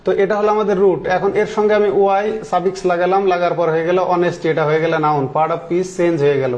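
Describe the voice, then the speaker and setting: A man's voice: high-pitched, level tone, fast talker, darkish tone, dull audio. A man teaching an English grammar lesson, explaining step by step and asking the class questions.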